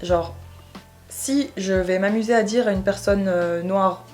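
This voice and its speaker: A young woman from Switzerland, explaining her views in a casual vlog, pausing often with fillers. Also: medium pitch, a little mellow, faint music behind. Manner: thoughtful, hesitant, many fillers. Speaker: YouTuber.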